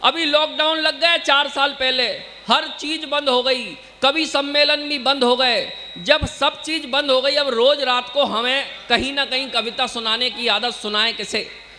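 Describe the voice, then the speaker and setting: High bright-voiced comic poet on stage. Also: male voice, fairly even intonation, unhurried, in a large hall. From India. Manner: joking, addresses audience directly, sings verses. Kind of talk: comic poetry recital on stage.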